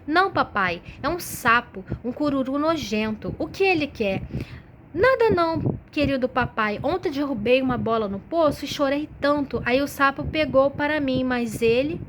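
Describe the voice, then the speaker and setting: A bratty little storybook princess, put on by a woman reading aloud, with a high, bright voice that lifts even higher when she demands things. She sounds petulant and bossy, used to getting her way. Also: moderate pace, noisy background. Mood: sweetly pleading. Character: spoiled, whiny young princess girl.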